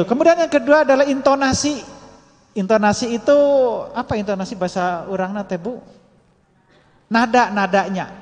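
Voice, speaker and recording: A high-pitched male religious teacher, speaking in a loose, chatty way and teasing the women in his audience. His voice rings out in a big hall with a long echo trailing behind each phrase. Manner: chatty, teasing, addresses women listeners directly. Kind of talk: casual Friday religious talk.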